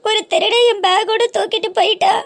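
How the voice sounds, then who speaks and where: A woman's voice: very high-pitched, fairly even intonation, fast talker, a bit bright. A woman voicing a remorseful, apologetic young woman in a family cartoon. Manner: pleading, self-blaming. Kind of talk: cartoon dub acting.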